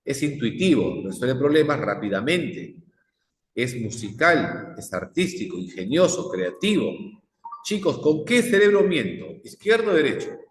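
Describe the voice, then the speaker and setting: A man gives a psychology lecture, firing repeated questions at the class. His mid-pitched voice rings through a large room, and a long reverb trails each phrase. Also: big pitch swings, a little slow. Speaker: psychology teacher.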